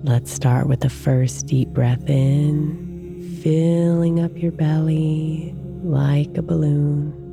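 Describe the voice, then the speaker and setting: Low, slow, soothing woman guiding meditation. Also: fairly even intonation, vocal fry. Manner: soft, soothing, gently drawn out. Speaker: guided meditation host. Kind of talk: guided meditation narration. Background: new-age music with singing bowls.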